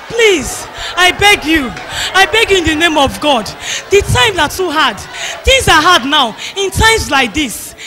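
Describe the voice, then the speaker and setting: Wife on stage, played by an actress: insistent, pleading, high bright voice. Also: female voice, heavily acted. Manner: pleading, insistent, quotes scripture. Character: exasperated wife refusing more children. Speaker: stage actor. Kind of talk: stage drama acting.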